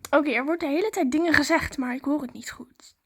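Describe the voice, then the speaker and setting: With slight background noise behind her, a woman whose voice sits high and sounds a bit bright talks at a quick pace. As a vlogger, she's chatty and informal, describing what she's doing as it unfolds.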